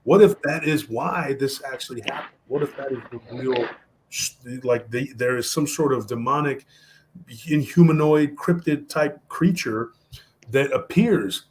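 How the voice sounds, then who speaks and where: A man telling a story on a podcast in a casual, animated way, mixing Spanish slang into his talk. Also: mid-range voice, a little slow, a little hiss or hum. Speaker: podcast guest.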